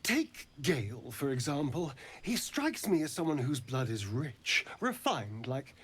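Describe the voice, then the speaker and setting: A centuries-old vampire elf from a video game. He talks in a silky, theatrical voice, slow and lingering. His pitch moves a great deal. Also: very animated, a bit bright, breathy edge, heavily acted.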